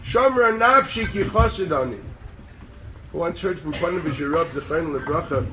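A man giving an animated, sarcastic Torah class to a group, mixing in Hebrew terms. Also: on the high side, normal speed. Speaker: rabbi teaching a class. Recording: distant mic with loud background noise.

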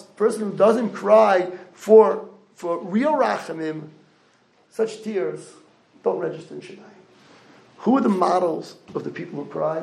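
A man giving a Torah lecture, animated, asking the audience rhetorical questions. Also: high-pitched, creaky, echoey room, low-quality recording. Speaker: rabbi lecturer.

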